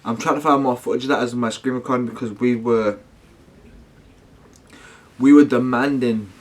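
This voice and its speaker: A man's voice: mid-range voice, fairly even intonation, moderate pace. A man talking casually to his viewers as a paranormal vlogger, rambling and slangy, often correcting himself. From United Kingdom.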